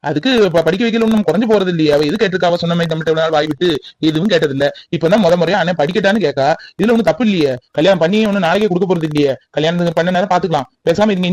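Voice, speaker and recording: A man's voice: high voice, very fast, a little mellow, lightly acted. A man voicing a protective young brother in a cartoon who firmly defends his sister. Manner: firm, defending.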